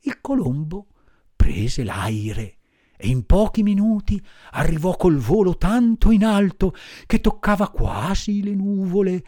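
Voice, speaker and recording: Man, audiobook narrator, expressive measured reading, lively pitch, dry close sound. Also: no room sound. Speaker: audiobook reader. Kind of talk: scripted storybook narration.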